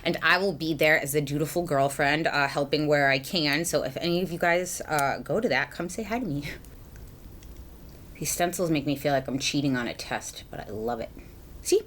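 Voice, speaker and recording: A little hiss or hum sits under this deep, slightly bright voice, which moves at a normal speed. The speaker is a young adult beauty vlogger from Massachusetts, casually chatting through a get-ready-with-me makeup routine and rambling with many ums and likes.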